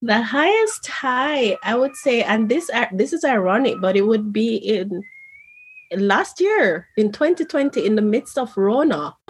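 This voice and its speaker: A woman's voice: on the high side, sing-song, a little slow, slight background noise. A woman from Jamaica, an interview guest and author, telling her story in an earnest, reflective way. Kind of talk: conversational interview.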